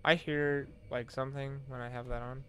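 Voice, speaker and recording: A man streaming a game playthrough in a mid-pitched voice, talking casually to himself. He hesitates often, with lots of ums and small self-corrections, and a faint hiss of noise sits behind him. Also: level tone, moderate pace, a bit bright.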